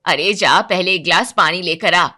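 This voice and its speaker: Woman voicing a cranky maid mom, lower and a bit loud, scolds her daughter, storybook. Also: moderate pace. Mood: irritated. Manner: irritated, scolding. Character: grumbling middle-aged housemaid mother, short-tempered.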